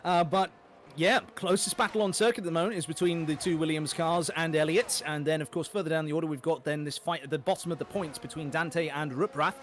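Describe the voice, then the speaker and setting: A man calling a sim race play by play, rapid and excitable as the action unfolds. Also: fairly high pitch, slight background noise. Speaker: race commentator. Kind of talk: play-by-play sim racing commentary.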